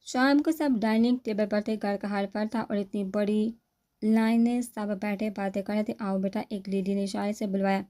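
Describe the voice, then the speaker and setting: A woman reading a romantic novel aloud in steady, unhurried narration. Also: medium pitch. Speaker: novel reader.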